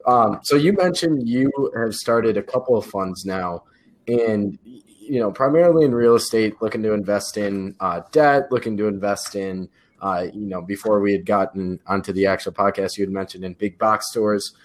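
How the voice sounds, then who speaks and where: A man hosting a podcast interview in a relaxed, hesitant way. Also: lowish voice, normal speed. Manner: relaxed, hesitant, many fillers. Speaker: podcast host. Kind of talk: casual interview.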